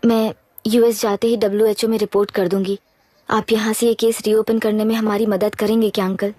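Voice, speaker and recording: A woman's voice: medium pitch, little pitch movement, a little fast, darkish tone, no echo, natural voice. An actress dubbing an earnest young woman who asks her uncle for help in a Hindi film. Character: young woman, niece pushing to reopen a case.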